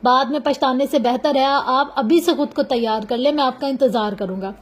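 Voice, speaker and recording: A woman voicing an earnest young male police officer who speaks gently and persuasively, in a storybook reading. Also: high-pitched, moderate pace. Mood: gentle. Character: earnest young man, police officer, calm and soft-spoken.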